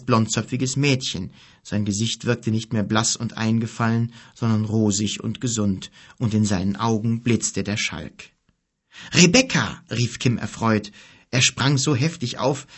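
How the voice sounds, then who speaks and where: Male audiobook narrator, husky, mid-pitched, steady storybook reading.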